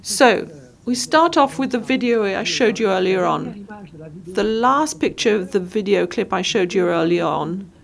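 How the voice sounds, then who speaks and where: A woman giving live interpretation of a lecture, speaking in short halting phrases and correcting herself as she goes. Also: medium pitch, lively intonation, vocal fry. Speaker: simultaneous interpreter.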